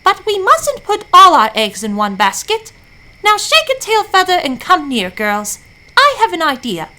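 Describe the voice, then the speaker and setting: A proud, bossy storybook hen, acted out by a woman, high and bright. She scolds and boasts in a haughty way, with very lively swings of pitch. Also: a little slow, full character voice, poor audio. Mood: commanding. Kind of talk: animated storybook character voice.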